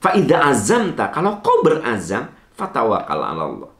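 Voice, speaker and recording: A man's voice: moderate pace, echoey room. A man preaching a sermon in with a light tinge, asking rhetorical questions and swinging his voice up and down as he answers a listener. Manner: animated, swooping pitch, rhetorical questions.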